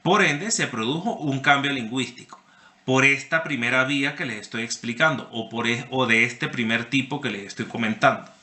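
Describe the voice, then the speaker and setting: This online university lecturer has a bright, forceful, mid-range voice and speaks at normal speed in a roomy-sounding space. He explains step by step, names individual students, and often checks comprehension with "¿sí?"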